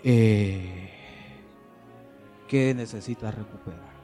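A pastor preaches a sermon at church in a lowish voice, faint music playing behind him. He speaks slowly and emphatically, repeats phrases, and swings between loud declarations and hushed pleading.

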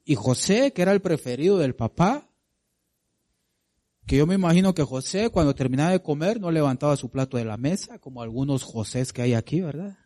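Guy preaching a sermon to his church, kinda high but warm mellow voice, keeps saying brother, gets loud then quiet. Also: animated, brisk. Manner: addresses congregation as brother, sister, asks rhetorical questions; swings between loud climbs and soft drops. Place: church congregation.

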